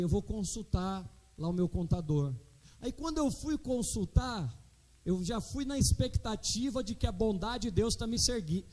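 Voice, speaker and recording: A man's voice: sits high, darkish tone. A middle-aged man with a Brazilian Portuguese accent preaching a sermon as pastor, calling out to the congregation for responses.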